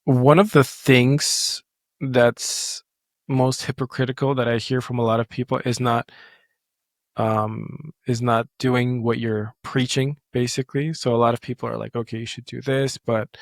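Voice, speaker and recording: A man from Bulgaria who lived in the US for years, a guest calmly giving career advice in a podcast interview. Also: mid-range voice, unhurried, no room sound, clean studio sound. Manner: steady, even-toned, reassuring advice. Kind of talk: casual interview talk.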